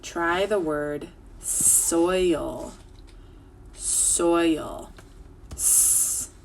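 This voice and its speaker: A woman leads a live phonics lesson for young children and stretches every sound out very slowly. Her voice sits a little low and has a gravelly edge. A faint hiss of room noise sits behind her. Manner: slow, clear sounding-out of words. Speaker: teacher.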